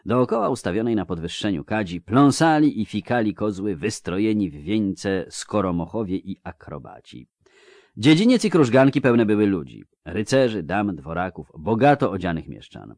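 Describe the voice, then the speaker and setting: A man narrating a fantasy novel as an audiobook, in an expressive, measured storytelling manner. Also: fairly low pitch, no echo, clean studio sound.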